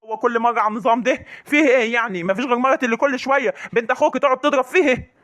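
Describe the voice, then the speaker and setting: A man's voice: very high-pitched, fairly even intonation, racing, a bit bright. A man with an Egyptian accent playing an angry young husband who demands answers from his family in a comic drama. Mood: indignant. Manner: indignant, demanding.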